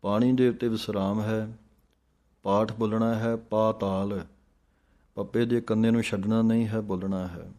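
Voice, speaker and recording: Deep slow-speaking male recitation teacher. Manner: chants verse lines slowly, then explains briskly; calm, patient instruction. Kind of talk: recitation lesson.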